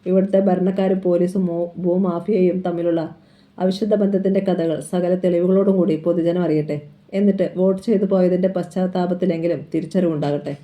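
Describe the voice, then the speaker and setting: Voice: medium pitch, fairly even intonation, fairly quick, mellow, natural voice. Channar, a menacing defiant strongman, put on by a narrator. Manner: menacing, taunting threats. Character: fierce defiant middle-aged male local strongman. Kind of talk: dramatic novel reading.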